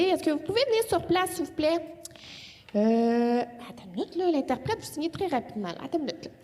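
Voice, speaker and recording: A woman with a Quebec French accent telling a story live, playfully coaxing the audience to shout along. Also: sits high. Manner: lively, playful, coaxes the crowd to shout along. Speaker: storyteller voicing a signed tale. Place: hall at a live storytelling event. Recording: long hall reverb from a live event.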